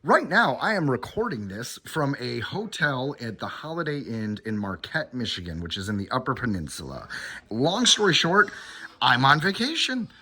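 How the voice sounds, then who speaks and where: This podcast host speaks at a normal pace with a medium pitch and a sing-song, pushed, bright delivery that's slightly rough. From a hotel room on vacation, he chats alone with listeners he addresses as "guys," going over updates in a relaxed, informal way.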